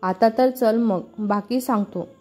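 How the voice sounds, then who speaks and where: A woman's voice: on the high side, a little slow, dark tone, soft background music. A woman reading the lines of a brash, teasing young male college student in a storybook. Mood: coaxing.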